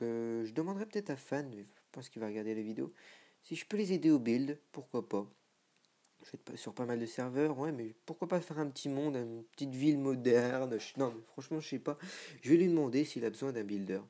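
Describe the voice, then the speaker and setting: Touring a game server, a young gaming video creator rambles in a chatty, self-deprecating way, pausing often with fillers. He speaks in a mid-range, dark-toned voice.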